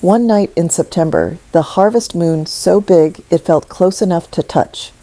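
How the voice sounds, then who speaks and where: A woman narrating a scripted story in a slow, measured, softly emotional way. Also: on the low side, dry recording, rough recording.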